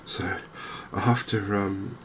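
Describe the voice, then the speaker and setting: A gaming video host commentates on a game ASMR-style, his soft, low voice unhurried and flat. He speaks in measured, hesitant phrases with drawn-out gaps, and clear background noise runs underneath.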